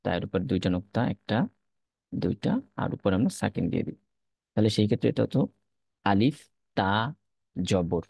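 Man, teacher, mellow dark tone, slow patient repetition. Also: fairly low pitch, vocal fry, no echo. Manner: patient, repeats letter drills slowly. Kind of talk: step-by-step lesson on reading Arabic letters.

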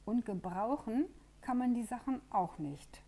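A woman's voice: fairly high pitch, animated, vocal fry, mellow, pitched above the performer's own voice, exaggerated voice. A woman voicing a bossy little female swallow in a storybook read-aloud, drawing out her complaints. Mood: complaining. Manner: complaining, slow and emphatic.

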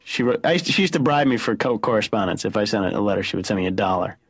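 A man doing a stand-up comedy bit as a therapy patient, telling animated stories. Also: fairly low pitch, very fast, dry recording, studio quality. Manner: animated, storytelling, husky.

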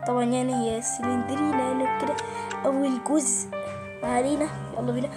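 A woman's voice: high-pitched, level tone, quick pace. A woman with an Egyptian Arabic accent hosting a horror game let's-play, chattering nervously and yelping when startled. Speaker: gaming channel host. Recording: game music clearly behind the voice.

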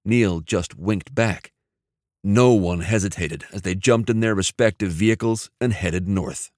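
A man reading a thriller audiobook in an even, measured narration. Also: sits low, no echo, studio quality. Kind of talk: scripted narration.

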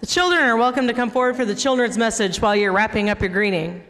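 A woman leading a children's message in a church sanctuary, gently asking the children questions. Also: on the high side, quick pace. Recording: long church reverb.

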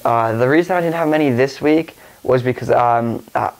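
A man's voice: medium pitch, normal speed, gravelly, rough recording. A young man with a stuffy nose from a cold, rambling casually through a tech vlog with lots of fillers and restarts. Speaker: tech vlogger.

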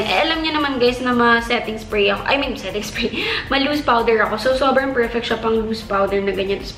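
A woman's voice: a little high, fairly bright tone, echoey room, rough recording. Chatty Filipino woman in her twenties. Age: 20s. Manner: chatty, mixing Tagalog and English. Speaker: beauty vlogger. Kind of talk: casual haul vlog. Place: bedroom, indoors.

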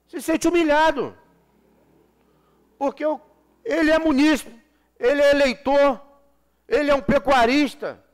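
Speaking into the gooseneck mic at his council chamber desk, a forties-aged councilman from Brazil delivers a passionate floor speech in a strikingly high voice. Again and again he repeats phrases to press his arguments.

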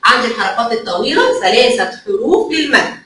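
A woman's voice: a little high, expressive, fast, pushed and bright. Egyptian woman teaching kids letter sounds. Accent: Egyptian Arabic. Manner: asks questions and answers them herself, coaxing. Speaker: kindergarten Arabic teacher. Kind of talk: children's phonics lesson. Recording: very echoey room, mic far off, faint noise.

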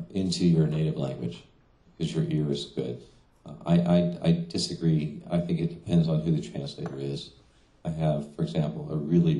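In an echoey room, a seated middle-aged translator talks into a stand mic at a small-venue reading. His voice is extremely low-pitched and dark, and his casual speech is full of fillers and restarts.

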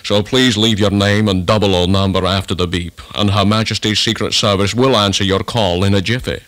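A man playing a suave, smooth male secret agent who speaks in a dry, deliberate way. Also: on the low side, steady tone, fairly bright tone, slight background noise, lightly acted.

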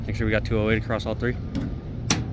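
Swearing refrigeration tech on a head cam. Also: male voice, on the low side, completely flat delivery, quick pace. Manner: explains steps plainly while working, swears often. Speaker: refrigeration technician. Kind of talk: casual work narration. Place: rooftop at night, then indoor equipment rooms. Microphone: head-mounted camera. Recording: noisy head-camera field recording.

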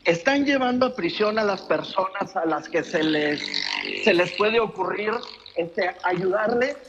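A man's voice: high-pitched, animated, a little slow, noisy background. A middle-aged man reporting by phone from the roadside, telling his story with hesitant restarts. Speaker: field reporter. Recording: muffled phone line.

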